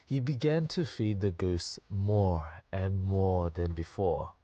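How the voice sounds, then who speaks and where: A man narrating a story on a radio show, in a measured storytelling voice. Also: low voice, warm tone, dry recording, dull audio. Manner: measured narration, quick laughing chat. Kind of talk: scripted narration and casual chat.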